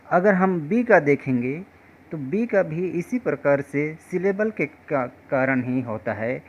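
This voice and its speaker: A man explains pronunciation at an unhurried pace, pausing on each example word. His voice sits at an ordinary pitch. The recording is muffled and lo-fi, with a faint hum behind it. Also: darkish tone. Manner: slow, patient, addresses viewers as friends. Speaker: English teacher.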